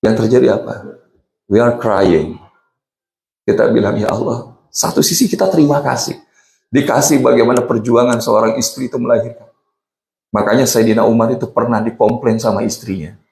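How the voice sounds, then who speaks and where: A man's voice: medium pitch, fairly quick, vocal fry, darkish tone. A middle-aged man giving a sermon in a mosque, asking the congregation questions and mixing in English phrases. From Indonesia. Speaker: preacher. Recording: echoey mosque room.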